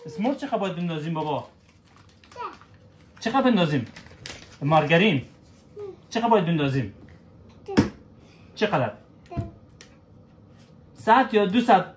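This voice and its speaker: A man, gently coaching his child through baking at home, checking in with short questions. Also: high-pitched, sing-song, long pauses, background noise. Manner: patient, coaxing, keeps checking with short questions. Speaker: father cooking with his child. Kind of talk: casual instructional chat with a child. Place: home kitchen. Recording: echoey kitchen room.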